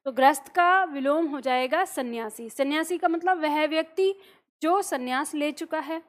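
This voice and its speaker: A high-pitched Hindi teacher leads an online class, explaining things step by step and dictating notes slowly. She asks her students questions and then answers them herself.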